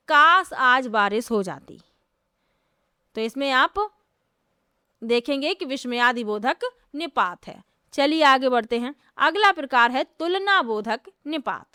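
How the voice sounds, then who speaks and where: A woman's voice: sits high, sharp tone, dry recording, studio quality. A woman teacher giving an exam-prep grammar lesson, explaining step by step and asking herself rhetorical questions before answering them.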